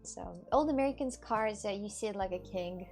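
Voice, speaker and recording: This twenty-something streamer chats casually with her viewers, rambling and giggling often, with frequent swearing as she answers them. Her medium-pitched voice is a little mellow at a moderate pace, with faint music in the background.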